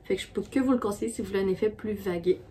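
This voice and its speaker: A woman's voice: medium pitch, racing, mellow, slight background noise. A woman with a Québécois French accent chatting casually as a beauty vlogger, rambling with many fillers and restarts. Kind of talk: casual product review.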